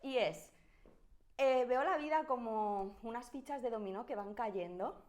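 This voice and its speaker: A woman hosting a podcast, chatting casually with her guest and adding quick interjections and encouraging backchannels. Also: fairly high pitch. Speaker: podcast host.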